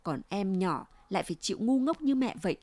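Warm-voiced woman narrating a story. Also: medium pitch, lively intonation, fairly quick, no room sound. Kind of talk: first-person story narration.

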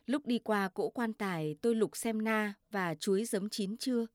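A woman narrating a story in a measured, steady reading. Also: medium pitch, no room sound, clean studio sound.

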